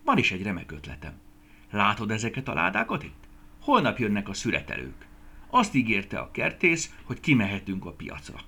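Guy voicing a chatty peach mama, gushing, friendly, bright lively voice. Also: lowish voice, gravelly, slightly rough, full character voice. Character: fat, motherly peach lady, warm and welcoming. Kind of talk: children's storybook reading.

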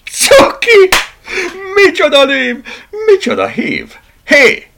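A man voicing a mocking, loud tomcat who leads the stray cats, shouting and jeering. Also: huge pitch swings, gravelly, background noise, full character voice. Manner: loud, jeering, booming laughter.

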